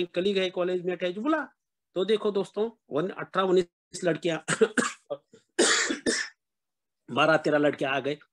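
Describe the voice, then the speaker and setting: A middle-aged man with a noticeably high voice. He speaks earnestly to a support meeting, often turning to his listeners as friends. He drops in English words as he goes. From Maharashtra, India. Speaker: recovering member sharing at a meeting. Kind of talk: personal recovery sharing at an online meeting.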